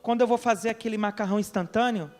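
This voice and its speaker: A pastor from Brazil preaching a sermon, telling a story and acting out the people in it, with questions to the congregation. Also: male voice, high voice, fairly even intonation, fast talker, long reverb tail. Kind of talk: sermon with acted dialogue. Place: church during a service.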